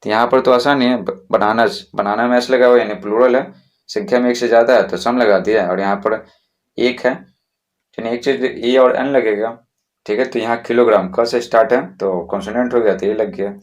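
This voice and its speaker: A man's voice: mid-range voice, fairly even intonation. Man, patient schoolteacher explaining step by step, mid-range voice. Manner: slow, repetitive classroom explaining with frequent checks. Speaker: teacher.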